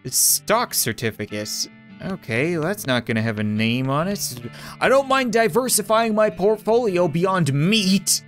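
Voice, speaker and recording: A man hosts a game playthrough in a lively, theatrical voice. His pitch moves around a lot as he reads aloud and adds wry asides. Guitar music plays underneath, and he is close to the mic. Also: measured pace. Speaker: gaming video host. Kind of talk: game playthrough commentary, reading text aloud.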